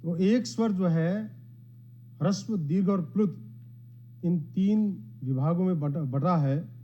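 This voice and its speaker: A man giving a formal conference lecture in a measured, explanatory way, reciting Sanskrit verses between his points. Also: high-pitched, mellow. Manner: modest, addresses the gathering. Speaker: academic speaker at a conference. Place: conference hall. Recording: dull lo-fi sound.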